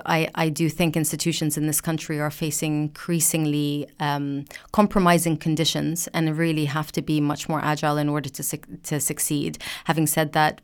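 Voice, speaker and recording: A woman in her forties with a low, smooth and resonant voice answers interview questions. She speaks in a measured, articulate way and hedges often. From Palestine. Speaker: museum director, guest.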